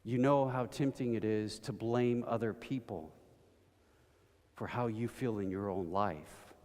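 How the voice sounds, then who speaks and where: A man preaching a sermon, telling everyday stories at an unhurried pace and building to emphatic bursts. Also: mid-range voice, darkish tone. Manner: slow, storytelling delivery with rising emphatic bursts. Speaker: pastor. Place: church sanctuary. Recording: long reverb of a church hall.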